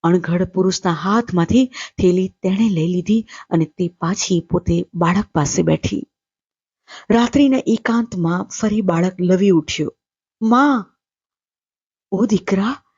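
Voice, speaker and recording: A woman storyteller reading a literary short story aloud in a measured, steady way. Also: lowish voice, breathy edge, no room sound, lo-fi sound.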